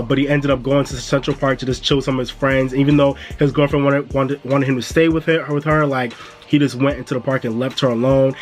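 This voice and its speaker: A music and entertainment YouTuber hosts a laid-back, chatty review vlog, calling his viewers "y'all." His medium-pitched voice sounds a bit stuffy because he's coming down with a cold.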